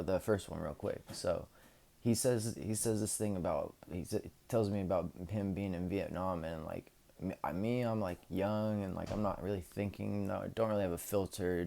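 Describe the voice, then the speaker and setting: A man's voice: low-pitched, gravelly, warm tone. A man telling a casual, rambling story for a vlog, full of filler words, recorded on his camera's own microphone. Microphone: camera's built-in microphone.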